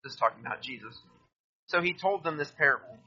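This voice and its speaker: A man delivers a sermon with a bright, forward voice and a husky edge to it. He reads scripture aloud and explains it, asking listeners to turn to the verses with him. The recording sounds a little dull and lo-fi. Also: a little high, animated, fast talker. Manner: addresses listeners directly, asks them to turn to verses. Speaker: preacher.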